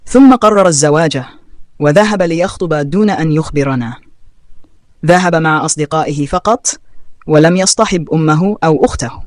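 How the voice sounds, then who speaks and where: A man narrating a scripted story in a steady, measured way. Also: a little high, no echo.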